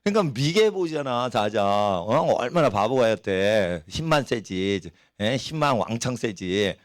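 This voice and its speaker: A man's voice: fairly low pitch, no echo, clean studio sound. A middle-aged man preaching a sermon in a church, folksy and storytelling, acting out little voices of people and animals as he goes. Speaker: pastor.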